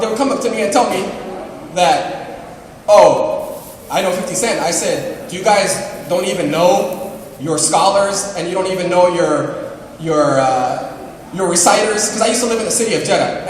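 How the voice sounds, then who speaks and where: A high-voiced young man from Saudi Arabia tells comic stories from a stage, chatty and laughing as he asks the crowd questions. He sounds far from the microphone, with a long reverb from a big hall behind him. Faint room noise sits under his voice. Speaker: open mic storyteller. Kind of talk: comic storytelling to a live audience. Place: large hall. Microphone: distant room mic. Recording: echoey hall recording from far off.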